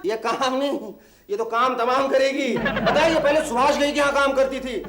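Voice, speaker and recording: An actor playing a harried husband in a sitcom, complaining and cracking punning jokes. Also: male voice, very high-pitched, fairly even intonation, moderate pace, a crowd in the background. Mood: wisecracking. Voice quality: wisecracking, punning patter. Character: harried comic husband hunting for a maid. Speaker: sitcom character. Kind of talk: sitcom acting. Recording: sitcom audio with hiss.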